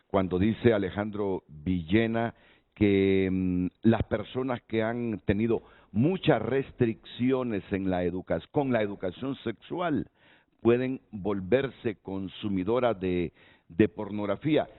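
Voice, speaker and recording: Heard in tinny lo-fi broadcast audio, a Honduran man hosting a TV talk show runs a panel discussion, asking questions and seeking guests' views while restarting hesitantly. He speaks slowly in a voice on the low side.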